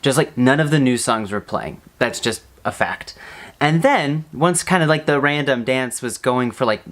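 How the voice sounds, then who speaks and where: An exasperated vlogger talks casually to camera. The mid-pitched voice swings widely and animatedly, often turning points into rhetorical questions. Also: lively intonation, normal speed, fairly bright tone.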